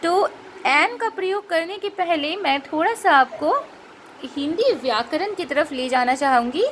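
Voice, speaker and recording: A woman teaching a grammar lesson. She explains patiently, checks in with rhetorical questions, and spells out and repeats sounds slowly. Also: high-pitched, lively intonation, a little hiss or hum.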